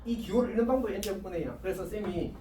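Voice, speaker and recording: Male high school math teacher, casual and self-deprecating, faint hiss, distant mic. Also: a little fast, warm tone, reverberant. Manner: chatty, self-mocking, asks the class constant check questions. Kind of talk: casual classroom lecture. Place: classroom with students.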